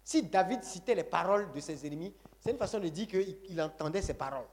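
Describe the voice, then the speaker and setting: A man's voice: high-pitched, expressive, fast, slight background noise. A man preaching a sermon to a congregation, emphatic and repetitive, calling on the audience to say amen. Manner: call-and-response, asks congregation to say Amen; emphatic, repeats phrases.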